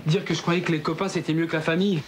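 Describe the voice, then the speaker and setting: A man's voice: fairly high pitch, flat delivery, rapid-fire, background noise, lightly acted. An actor voicing a weary young man who grumbles about his troubles. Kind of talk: cartoon voice acting.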